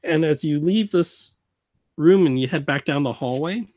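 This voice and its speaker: A man casually narrating a tabletop game as game master, in a halting, informal way. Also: fairly high pitch, a little mellow, dry recording, clean studio sound.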